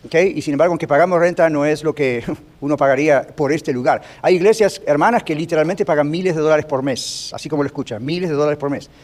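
Man, pastor, brisk sermon-style teaching, higher-pitched voice, keeps asking the room questions. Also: a little mellow. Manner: rapid, conversational, asks the audience questions often. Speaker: pastor teaching a church class. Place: large rented gym used for church meetings.

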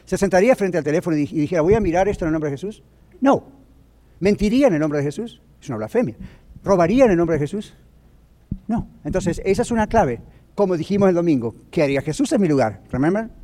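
A man's voice: sits high, animated, quick pace, dark tone. A male pastor teaching a sermon, often asking the congregation questions and slipping in English words. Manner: asks the audience frequent questions; drops into English words now and then.

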